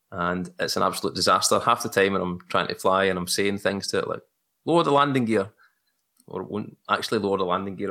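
Glaswegian man, lowish voice, casual chat. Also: vocal fry, bright, forceful tone. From Scotland.

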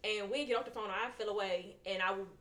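A woman co-hosting a podcast, chatting casually with friends in an animated, emphatic, slangy way. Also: medium pitch, fast, roomy sound. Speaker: podcast co-host. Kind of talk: casual chat among friends.

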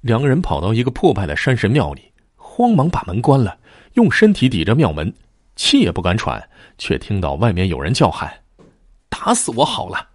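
A man narrating a ghost story in a dramatic, expressive storyteller style. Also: lowish voice, a little fast, no room sound, clean studio sound.

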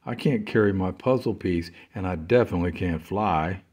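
A man voicing a small, sad young bird with a broken wing in a storybook, chirping quickly. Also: sits low, darkish tone.

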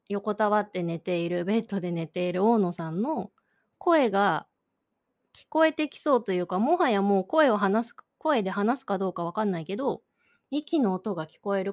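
A thoughtful woman talks alone into the mic, picking her words with care. Her voice sits at an ordinary middle pitch, and now and then it sinks to a hushed, almost whispered tone as she muses. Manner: thoughtful, searching for words, drifting to soft near-whispers. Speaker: podcast host. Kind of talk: reflective solo talk about an art exhibition.

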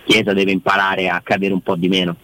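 A man's voice: sits low, completely flat delivery, a little fast, a bit bright, rough recording. A man giving casual football commentary as a co-host, opinionated and repeating words for stress.

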